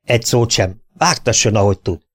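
A man's voice: lowish voice, lightly acted. A man reading as a terse, urgent rescuer. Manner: urgent, clipped commands.

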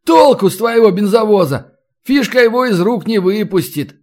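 A man voicing a boisterous, mocking brawler who haggles loudly over a captive. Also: sits high, lively intonation, moderate pace, voice pushed up. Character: boisterous bargaining male brawler, Belarusian.

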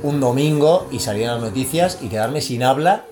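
A man's voice: medium pitch, animated, normal speed, over music. A man in his forties with an accent from Spain, chatting as a podcast guest, emphatic and swearing freely. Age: 40s. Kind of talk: casual music chat.

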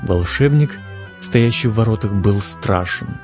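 A man reading an audiobook aloud in a measured, expressive way. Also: on the low side. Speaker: audiobook reader. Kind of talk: audiobook narration. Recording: dull lo-fi audio with music.

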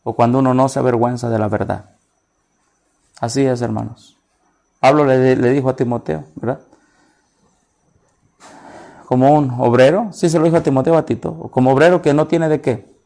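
A man preaching a sermon, retelling conversations with animated storytelling and acting out both sides. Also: mid-range voice, normal speed, creaky, pauses often. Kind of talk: sermon with retold dialogue.

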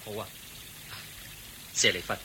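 A man's voice: measured pace, bright, forceful tone. A man playing the Buddha in a Cantonese radio drama, a compassionate and commanding sage. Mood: serene. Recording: noisy radio drama with outdoor ambience.

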